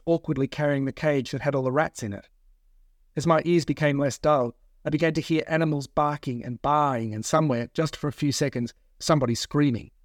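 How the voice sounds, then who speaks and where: A man's voice: mid-range voice, no room sound. Man reading his own novel, dry studio. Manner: steady, measured storytelling. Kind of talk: first-person audiobook narration.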